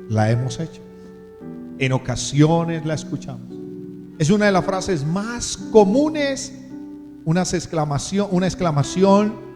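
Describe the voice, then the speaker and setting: Male preacher, animated and repetitive, bright high tone, instrumental music behind. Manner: repetitive preaching with rising emotional questions. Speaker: pastor. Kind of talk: sermon. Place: church hall. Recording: long church reverb with music behind.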